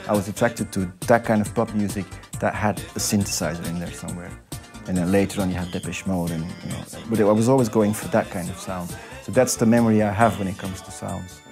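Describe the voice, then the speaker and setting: Low-voiced man, reflective. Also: a little mellow. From Belgium. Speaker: DJ and producer, interview guest. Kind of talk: reflective interview talk. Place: nightclub.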